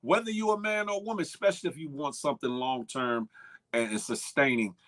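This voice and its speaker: This man, medium in pitch and brisk in delivery, hosts an easygoing live stream. He calls out viewers' names animatedly and chats casually, reusing his catchphrases.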